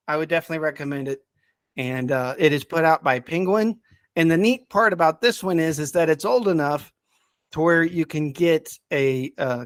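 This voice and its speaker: Chuckling as he goes, an enthusiastic man casually walks through his ranked picks as a guest on a podcast. His voice is a little high and somewhat bright, recorded at studio quality with no room sound.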